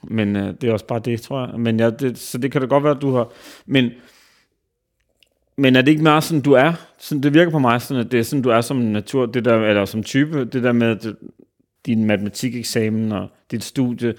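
A man hosting a casual interview podcast, low-key, prompting his guest with questions and short replies. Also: darkish tone. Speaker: podcast host.

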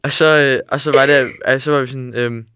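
A man's voice: mid-range voice, steady tone, clear, resonant tone, no room sound, clean studio sound. A teenage boy guesting on a podcast, telling a story in a casual chat with lots of hesitations and fillers. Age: teens. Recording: loud background noise.

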